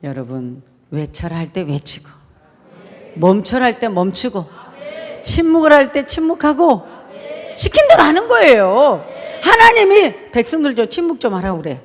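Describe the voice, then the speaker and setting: A woman pastor preaching a sermon, firing rhetorical questions at the congregation and swinging between shouting and a near-murmur. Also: on the high side, very animated, normal speed. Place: church sanctuary. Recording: echoey church hall.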